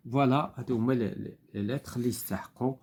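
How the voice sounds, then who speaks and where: Patient Moroccan man as teacher, warm low-toned delivery, spells things out methodically. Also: racing, slight background noise. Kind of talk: explaining homework step by step.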